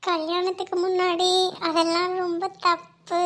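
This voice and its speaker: An actress playing a playful young bride-to-be who talks softly and teases her fiancé. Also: very high-pitched, monotone, measured pace. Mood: teasing. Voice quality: soft, teasing. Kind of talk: Tamil family drama acting.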